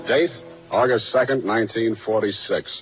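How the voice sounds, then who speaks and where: An American actor playing a cynical, wisecracking private detective in a terse, flippant 1940s radio style. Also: male voice, on the low side, moderate pace, natural voice. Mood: dry narration. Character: wisecracking hard-boiled male private detective, cynical and brisk. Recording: tinny old radio recording, music behind.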